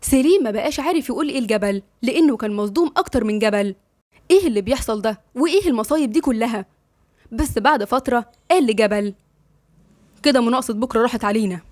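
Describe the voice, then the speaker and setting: Rapid-talking Egyptian woman narrator. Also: on the high side, animated, a little mellow, dry recording, clean studio sound. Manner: affectionate, rapid, chatty. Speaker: audiobook narrator and channel host. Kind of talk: reading a novel aloud with chat.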